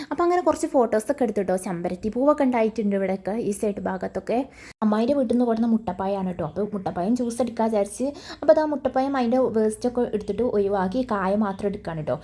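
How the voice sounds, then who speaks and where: A woman's voice: a little high, dark tone. A woman vlogger giving a casual voice-over that explains each chore step by step.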